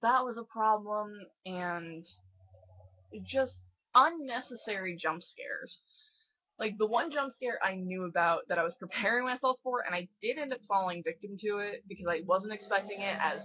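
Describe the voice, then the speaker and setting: A woman's voice: mid-range voice, normal speed, dry recording, muffled recording. A young woman in her late teens giving a casual, profane, exasperated movie review and laughing often.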